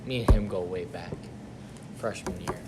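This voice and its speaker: A man's voice: low voice, steady tone, moderate pace, very noisy. A young man being interviewed, laid-back and giggly, talking in surfer-stoner slang.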